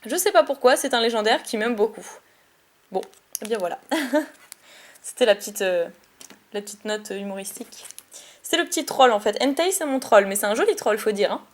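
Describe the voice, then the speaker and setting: Woman, somewhat high voice, excitable and giggly, casual card-unboxing vlog chatter. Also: moderate pace, pauses often. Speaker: YouTuber opening trading card packs.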